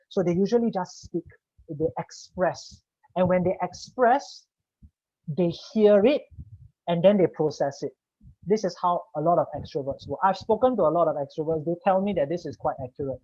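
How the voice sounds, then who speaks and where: A man's voice: high-pitched, a little mellow, no room sound, highs cut off. A communication coach from Singapore presenting a webinar and explaining ideas to his audience, often checking in with "right?". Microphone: video call.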